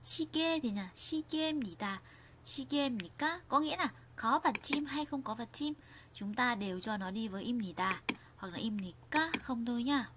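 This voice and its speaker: A woman's voice: on the high side, expressive, unhurried, noisy background. A woman teaching a grammar lesson, often restarting phrases and asking her viewers questions. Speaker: Korean language teacher.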